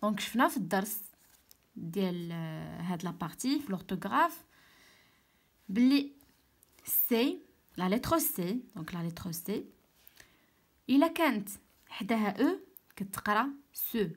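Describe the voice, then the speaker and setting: A woman's voice: mid-range voice, very animated, slightly rough. Patient Moroccan woman teaching French. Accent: Moroccan Arabic. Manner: patient, repeats each word slowly and explains. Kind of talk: online lesson explaining French spelling.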